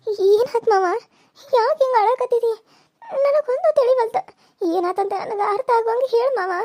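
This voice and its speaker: A woman voicing an anxious young village woman in a cartoon serial, with a North Karnataka accent, pleading in rapid questions. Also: very high-pitched, mellow. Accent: North Karnataka Kannada.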